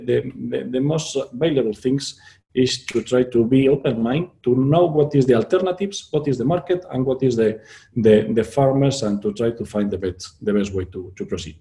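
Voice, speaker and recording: A man speaks as a webinar panelist and stumbles through repeated restarts. His voice is mellow and warm, and sits at an ordinary pitch for a man. His phrasing sounds non-native. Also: creaky.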